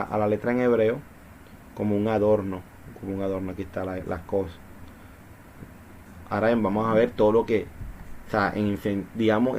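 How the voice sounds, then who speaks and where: A man's voice: on the low side, darkish tone, a little hiss or hum. Man teaching a Bible study, lo-fi. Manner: repetitive, explanatory, asks rhetorical questions.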